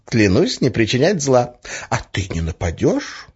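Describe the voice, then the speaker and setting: A man's voice: mid-range voice, wildly swooping pitch, measured pace, husky, voice pushed up, full character voice. A man voicing a playful, sly young witch woman in an audiobook, teasing and coaxing in a lilting tone. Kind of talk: audiobook character voice. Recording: slightly muffled lo-fi recording.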